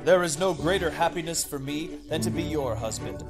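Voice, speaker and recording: Guy doing a noble fairy tale knight, kinda high male voice, solemn n declamatory, loud music under it. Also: animated, a little fast, lightly acted. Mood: solemn, earnest. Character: noble solemn young swan knight, loving but firm. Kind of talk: dubbed fairy tale cartoon. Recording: music behind the voice.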